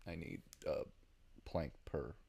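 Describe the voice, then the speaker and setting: A man's voice: a bass voice, takes it slowly, vocal fry, warm tone, breathy edge. A man with a Southern American accent giving casual, rambling gameplay commentary, thinking aloud with lots of ums. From Southern United States. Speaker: gaming video creator.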